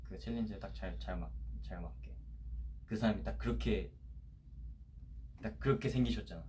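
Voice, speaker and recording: A man in his twenties co-hosting a livestream, chatting casually in a relaxed, halting way with lots of fillers. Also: lowish voice, a little hiss or hum. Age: 20s. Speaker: livestream co-host. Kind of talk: casual chat.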